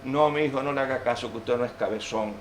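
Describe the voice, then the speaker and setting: A folksy mother soothes her son in a gentle, coaxing way, as a man puts her on. The voice stays close to his own mid pitch. The sound is roomy, as in a church hall. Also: fast, a little hiss or hum, lightly acted.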